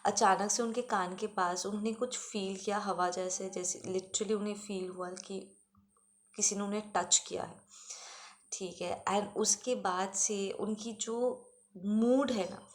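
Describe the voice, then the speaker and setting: A woman's voice: mid-range voice, steady tone, unhurried. A woman reading messages to her viewers as a clairvoyant, in Hindi mixed with English, often checking in with "theek hai" and reading out letters and numbers one at a time. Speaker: clairvoyant reader. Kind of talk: channeled tarot-style reading to viewers.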